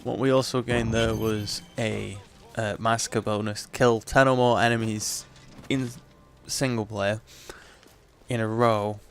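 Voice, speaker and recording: A man's voice: on the low side, fairly even intonation, measured pace. A man giving casual commentary as he plays a video game. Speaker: let's play commentator.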